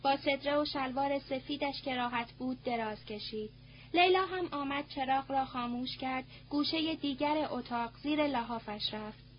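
A woman narrating a novel in a measured, even reading, on a muffled recording with a faint hum. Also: sits high. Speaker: audiobook narrator. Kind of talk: scripted narration.

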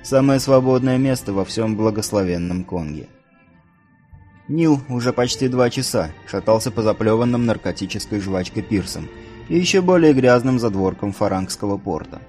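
Male audiobook narrator, low voice, steady storytelling, soft music under. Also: normal speed. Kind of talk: scripted narration.

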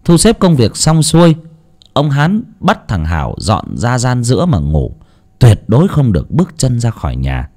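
A man narrating a ghost story with an expressive, dramatic reading. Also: medium pitch, moderate pace. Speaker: audiobook narrator.

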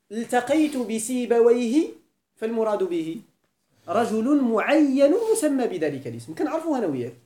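A man's voice: high voice, mellow. A man with a Moroccan Arabic accent teaching a classroom grammar lesson, quizzing the students with frequent questions and repeating key points. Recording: echoey room.

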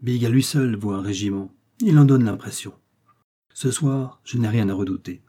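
A man's voice: medium pitch, moderate pace, dark tone, husky, natural voice. A man reading aloud as a mysterious, self-assured young woman with a playful, mocking manner.

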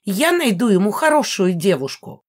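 A woman's voice: medium pitch, big pitch swings, normal speed. A woman reading an audiobook, voicing a spiteful old female ghost who screeches and cackles threats. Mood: indignant. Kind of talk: audiobook character voice.

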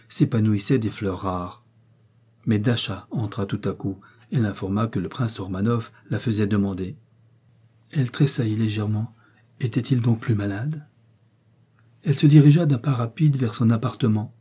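A man reading a novel aloud as an audiobook narrator, in a measured storytelling manner. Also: fairly low pitch, mellow, husky. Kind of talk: scripted narration.

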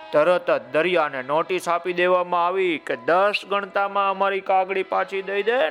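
A man telling a children's story, warmly addressing young listeners by name and adding asides. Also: high-pitched, vocal fry.

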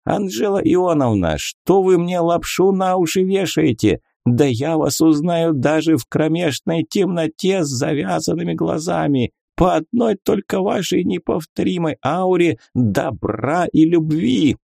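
A man's voice: fairly high pitch, lively intonation, measured pace, creaky, few pauses, warm tone, no room sound, studio quality, pitched above the performer's own voice, exaggerated voice. A man voicing an old, drunken, cocky male archmage in a storybook, with a boozy, mocking manner. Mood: mock-surprised.

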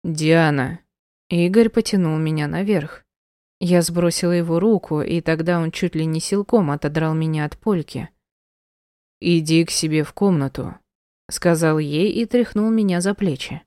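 A woman's voice: fairly low pitch, normal speed, dark tone, no echo, clean studio sound. A woman narrating an audiobook in the first person, reading with strong emotion.

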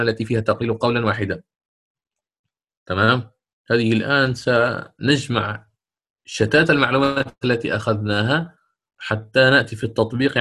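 A man teaching Quran recitation rules. He explains them step by step, drawing out the recited examples slowly and often checking with his students. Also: mid-range voice, a bit bright. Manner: slow, drawn-out recitation of examples between plain explanation; asks check questions of students. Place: lesson recorded for an online institute.

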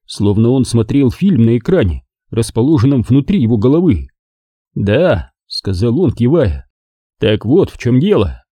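A man reading a story aloud as an audiobook narrator, expressive and lively. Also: mid-range voice, breathy edge, no room sound. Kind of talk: scripted narration.

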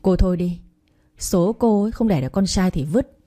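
A harsh, dismissive young man in a spoken storybook, read by the woman who narrates. His lines come blunt and cold in her soft, mellow voice. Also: medium pitch, normal speed, close to an everyday voice.

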